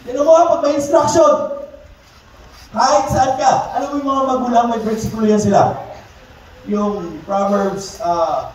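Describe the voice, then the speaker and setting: A man's voice: very high voice, a little slow, pauses often, a little mellow. A middle-aged man with a Filipino accent preaching to young people with passion, moving freely between Tagalog and English. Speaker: pastor. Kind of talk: sermon. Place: large hall at a youth camp. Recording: echoey hall from far off, faint hiss.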